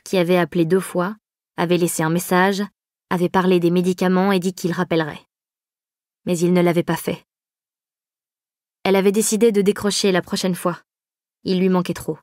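A woman reading a novel aloud in a measured, even storytelling manner. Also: on the low side, no echo, clean studio sound. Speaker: audiobook narrator. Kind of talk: scripted narration.

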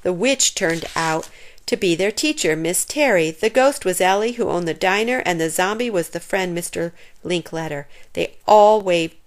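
A woman reading a children's chapter book aloud in an expressive storytelling manner. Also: on the low side, normal speed.

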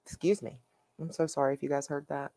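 A woman hosting her own coloring channel, chatting casually and haltingly with plenty of fillers as she shows her finished pages. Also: sits low, flat delivery, mellow, no echo. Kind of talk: casual show-and-tell.

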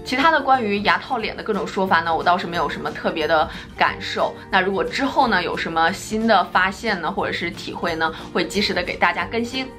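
A young woman speaking with braces on, calmly explaining her own experience in a casual personal vlog. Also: on the low side, fairly quick, hardly any pauses. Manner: calm, explanatory, frequent filler particles. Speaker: vlogger. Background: music in the background.

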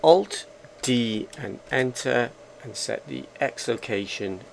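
A man narrating a software screencast tutorial, calmly giving slow step-by-step commands. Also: mid-range voice, gravelly, a little hiss or hum. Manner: slow, measured, instructional commands.

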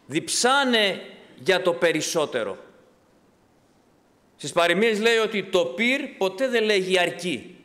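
A man with a notably high voice preaches with fervour, posing questions to his congregation and answering them. His words ring out with a long reverb from the church hall around him. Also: animated, pauses often, fairly bright tone. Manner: impassioned preaching with rhetorical questions. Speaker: pastor. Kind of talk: sermon.

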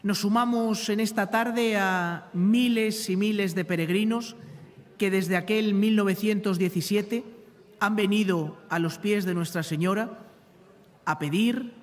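A man's voice: sits high, measured pace. A middle-aged man preaching a reflective homily phrase by phrase, as a priest at a chapel lectern. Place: large open chapel, lectern microphone. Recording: long reverberant chapel echo.

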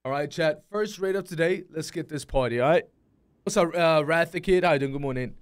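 A man's voice: on the high side, brisk, smooth. A young man live-streaming a game, chatting casually and greeting his chat one by one in a laid-back way.

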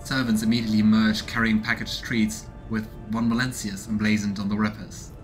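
A man in his thirties streams a let's play from a small room at home, giving casual game commentary and reading the narration aloud over game music. His voice sits on the low side, and his delivery is brisk and flat.

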